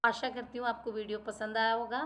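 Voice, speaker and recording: A woman teaching a grammar lesson, explaining slowly and listing examples one by one, often asking a question and then answering it herself. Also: on the high side, little pitch movement, noisy background. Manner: slow, deliberate explaining with listed examples and self-answered questions.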